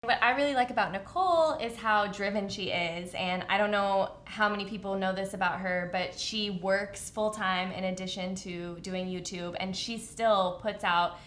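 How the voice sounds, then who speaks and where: A woman's voice: mid-range voice, moderate pace, few pauses, a bit bright, slight background noise. Earnest woman co-host, mid voice. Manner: earnest, admiring. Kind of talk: casual chat.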